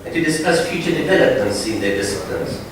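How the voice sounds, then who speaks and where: A man's voice: mid-range voice, lively intonation, fast. A man giving a formal welcome speech about an institute at a conference, with some hesitations. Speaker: institute representative. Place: conference hall. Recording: echoey hall from far off, noise.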